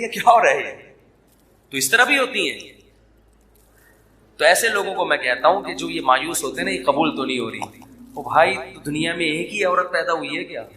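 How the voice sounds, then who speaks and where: A man's voice: high-pitched, sharp tone, reverberant. A man preaching a humorous sermon, mixing jokes and banter with scripture. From Pakistan. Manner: jokey, mixes banter with scripture. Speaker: Islamic preacher.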